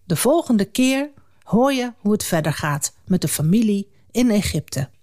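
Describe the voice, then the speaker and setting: A woman narrating a Bible story for children in an animated way, speaking directly to young listeners. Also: mid-range voice, measured pace.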